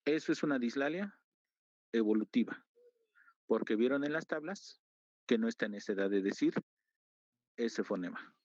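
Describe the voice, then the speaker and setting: A man teaching a class in a slow, deliberate way, stopping to repeat the key terms and check that his students follow. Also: mid-range voice, lively intonation, darkish tone, dry recording. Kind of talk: lecture to students. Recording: slightly dull, dry lo-fi recording.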